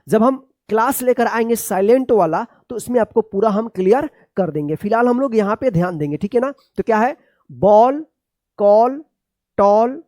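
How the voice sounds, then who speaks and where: A woman teaching an English pronunciation lesson, spelling out letters slowly and repeating each word, often checking with her listeners. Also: a little high, mellow, dry recording, studio quality.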